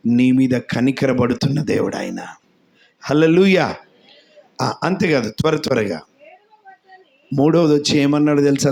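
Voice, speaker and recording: A man's voice: a little high, vocal fry, a little mellow. A man with a Telugu accent, a pastor preaching an impassioned sermon and leading worship singing. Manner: impassioned preaching, repeats hallelujah, calls listeners dear ones.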